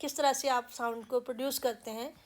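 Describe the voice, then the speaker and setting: A woman's voice: high voice, fairly even intonation, fairly quick. A woman from India with an Indian English accent, teaching English pronunciation patiently and repeating example words with care.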